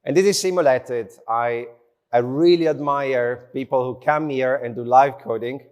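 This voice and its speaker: A man speaking English as a second language gives a conversational tech talk at a slow, unhurried pace, informal and self-deprecating. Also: medium pitch, a little mellow, smooth. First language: not English. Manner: unhurried, slow delivery with short phrases. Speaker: conference speaker. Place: conference stage in front of an audience.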